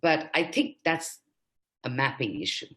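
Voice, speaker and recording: A woman from India speaks on a discussion panel with a low, deep-set voice. She argues with real passion and pushes up into a higher register for emphasis. Her delivery is emphatic and driven. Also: big pitch swings, unhurried, fairly bright tone. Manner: impassioned, emphatic.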